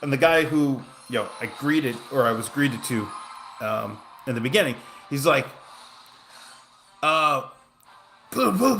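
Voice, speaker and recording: A man's voice: fairly high pitch, pushed and bright. A young man chatting casually over his gameplay, rambling and self-deprecating while telling a story. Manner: rambling, self-deprecating, frequent fillers and restarts. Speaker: gaming streamer.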